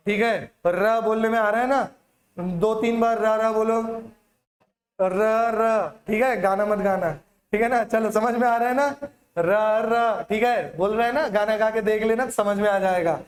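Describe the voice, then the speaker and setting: A man's voice: sits high, reverberant. A male Hindi teacher giving an exam-prep lecture, drilling students by asking questions and answering them himself.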